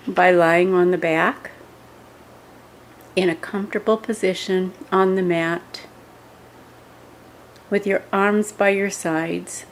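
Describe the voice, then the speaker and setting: A woman whose voice sits on the low side reads scripted yoga meditation guidance, measured and pausing after each short phrase. A little hiss or hum can be heard.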